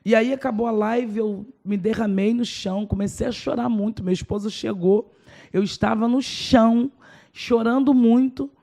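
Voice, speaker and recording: Brazilian woman pastor as podcast guest, gravelly voice, emotional storyteller. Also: fairly high pitch, moderate pace, warm tone. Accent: Brazilian Portuguese. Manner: emotional storytelling, acts out dialogue. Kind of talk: personal testimony in a podcast interview.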